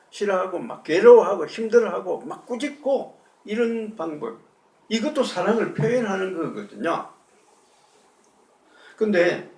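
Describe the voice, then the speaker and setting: Male pastor, high lively voice, conversational sermon, miked from a distance in an echoey sanctuary. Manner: conversational preaching with rhetorical questions. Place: church sanctuary.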